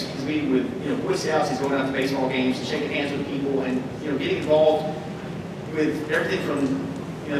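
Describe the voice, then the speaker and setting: A man giving an informal, earnest, conversational tribute speech at a ceremony. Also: a little high. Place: large echoey hall, far from microphone. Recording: hall reverb, distant, very noisy event recording.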